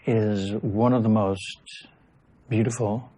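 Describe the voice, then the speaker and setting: A man's voice: on the low side, steady tone, a little slow, warm tone. Emphatic male broadcaster in interview. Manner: emphatic, with restarts. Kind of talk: interview commentary.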